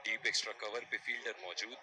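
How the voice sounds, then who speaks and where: A man's voice: fairly low pitch, fairly even intonation, fast talker, noisy background, lightly acted. A man voicing an analytical, admiring cricket commentator in a scripted sports video game.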